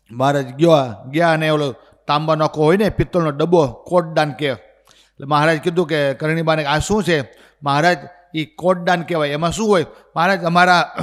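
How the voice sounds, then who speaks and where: A man with a Gujarati accent, telling religious stories as a sermon and acting out the dialogue with energy. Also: on the high side. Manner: animated storyteller acting out dialogue. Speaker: swami giving a religious discourse. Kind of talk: storytelling sermon. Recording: long hall reverb.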